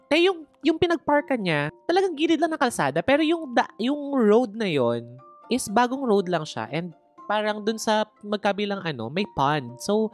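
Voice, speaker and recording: A woman telling a candid personal story in a playful, gossipy way, with dramatic asides to the listener. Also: deep voice.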